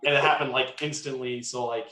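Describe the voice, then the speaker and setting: A man's voice: medium pitch, fairly even intonation, fairly quick, roomy sound, crowd noise. A man chatting casually about movies and science, rambling with lots of fillers and hedges. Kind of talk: casual chat.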